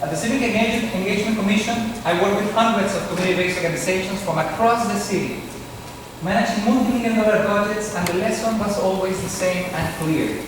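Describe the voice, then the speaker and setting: A man, a city official and candidate, giving a prepared campaign speech in a steady, scripted delivery. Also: sits high, brisk. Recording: echoey hall from far off, noisy.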